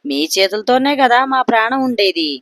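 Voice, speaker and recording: A wry, joking husband from a spoken family story, read by a woman narrator. He teases in a close, dry voice, pitched a little above her plain reading. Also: expressive, normal speed, a bit bright, no echo. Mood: teasing. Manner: teasing, quipping. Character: grown man, teasing joking husband.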